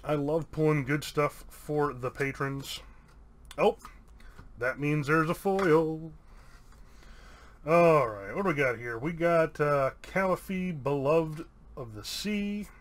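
A man hosting a casual pack-opening video, reading out card names in an upbeat, chatty way with an American accent. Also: fairly high pitch. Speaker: YouTube host opening card packs.

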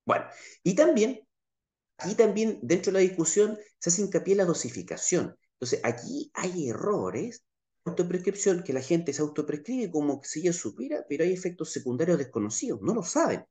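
A middle-aged man with a Chilean Spanish accent presents a conference talk over a video call, gesturing as he explains. His pitch swings widely and he keeps checking in with his audience. The webcam picks up a roomy echo from the small room around him. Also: very animated, a little fast, mellow. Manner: gestures with his hands while talking. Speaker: naturopath lecturer. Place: small indoor room, plain wall behind.

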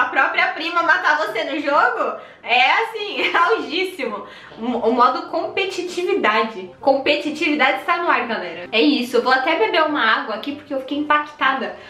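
A young Brazilian woman giving excited, chatty commentary on her own gameplay, shrieking at surprises and muttering through tasks. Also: high-pitched, reverberant. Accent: Brazilian Portuguese. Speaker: gaming youtuber.

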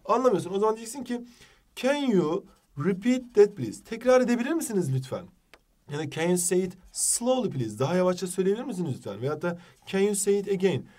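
A man teaching a jokey exam-prep lesson, with a Turkish accent, reading English phrases slowly. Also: sits high, very animated, warm tone, far from the mic.

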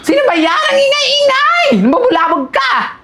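An indignant homeowner in a short film drama, fending off accusations in a very high, lively voice. She talks dramatically and with exasperation, with clear outdoor noise around her. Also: moderate pace, exaggerated voice.

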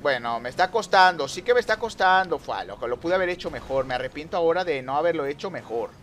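A young man giving lively gameplay commentary, talking to viewers and teasing rivals. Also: on the high side, quick pace, a little hiss or hum. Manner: excitable, talks to viewers and rivals, trash-talks. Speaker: gaming youtuber.

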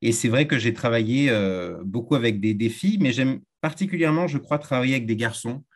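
A man who works as a tour guide, talking as a podcast guest in a thoughtful, hesitant way with pauses and repeats. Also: medium pitch. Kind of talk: relaxed interview answer.

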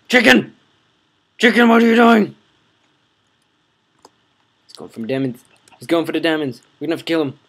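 A man's voice: on the high side, darkish tone. A young man hosting a gaming channel, rambling and correcting himself as he comments on his play and talks to viewers.

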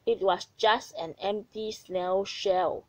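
A woman narrating a children's story aloud in a gentle, expressive way. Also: mid-range voice, takes it slowly, dry recording, poor audio.

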